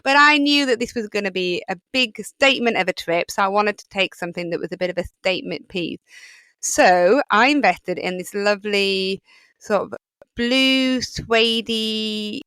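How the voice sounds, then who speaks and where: Brief: Yorkshire woman podcast host, middle-aged, smooth resonant voice, rambling and chatty, close dry mic. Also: mid-range voice, moderate pace, a bit bright, dry recording. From England. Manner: chatty, rambling, many fillers. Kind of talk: solo podcast monologue.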